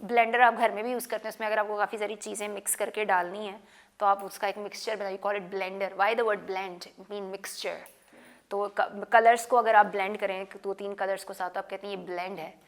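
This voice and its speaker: A woman teaches a slow classroom phonics lesson in Hindi mixed with English words, drilling each sound by repeating it several times. Her mid-range voice is flat and moderately paced.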